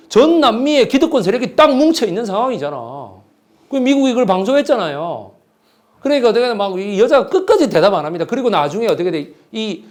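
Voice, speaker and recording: A man's voice: sits high, darkish tone. A middle-aged man giving a history lecture. He retells a play, acts out its lines in voices and keeps asking his listeners questions. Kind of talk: animated lecture with acted-out quotes.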